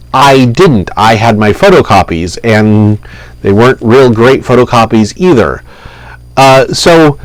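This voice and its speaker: A middle-aged man tells a story in a loose, unscripted way, stopping and restarting often and filling gaps with little hesitations. He speaks slowly and at a mid pitch. The room is dry, with almost no echo. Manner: halting, rambling storytelling with many fillers and restarts. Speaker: vlogger translating scripture. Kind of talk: casual unscripted monologue.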